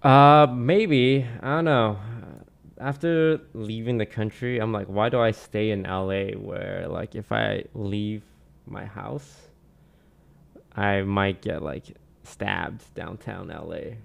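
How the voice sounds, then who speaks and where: A young man from Malaysia, chatting casually on a stream in a relaxed way, trailing off with many fillers. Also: on the low side, slow, gravelly. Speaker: streamer answering questions. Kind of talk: casual chat. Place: small home streaming room. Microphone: studio mic on boom arm, headphones.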